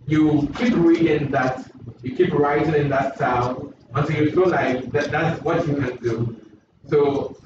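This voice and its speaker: A man from Ghana, a poet speaking thoughtfully on a panel discussion, in measured phrases with restarts. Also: a little high. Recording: distant mic in an echoey room, muffled, noisy.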